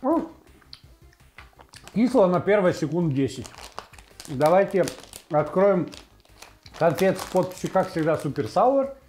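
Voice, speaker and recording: A man in his forties hosting a casual tasting video in a home kitchen on a clip-on mic, thinking aloud in a halting way. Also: high-pitched, big pitch swings, darkish tone, a little hiss or hum. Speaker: host of a food tasting video. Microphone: lavalier clipped to T-shirt.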